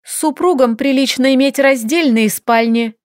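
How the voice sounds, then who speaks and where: A woman's voice: sits high, a little slow, dry recording, clean studio sound, pitched above the performer's own voice. Feisty young heroine, voiced by a woman. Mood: indignant. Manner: indignant, snappy. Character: feisty sharp-tongued young noblewoman. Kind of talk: audiobook character voice.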